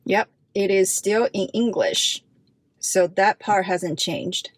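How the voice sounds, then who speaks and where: Woman from Taiwan, first language chinese, car vlogger talking slowly through settings, dry close sound. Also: medium pitch, no echo. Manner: chatty and explanatory, walking viewers through steps. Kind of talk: casual vlog narration. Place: inside her car.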